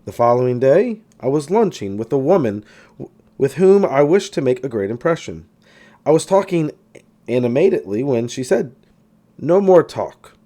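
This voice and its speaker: An audiobook reader narrates a spiritual self-help book in a soft, mellow voice, measured and teacherly. He is very animated, his pitch rising and falling a good deal as he stresses key words.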